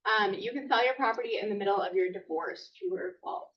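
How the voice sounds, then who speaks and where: A woman's voice: on the high side, very animated, brisk, distant mic. A woman presenting to a team and running a true-or-false quiz in an upbeat, casual way. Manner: upbeat, laughing quiz host. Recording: muffled audio from off the mic.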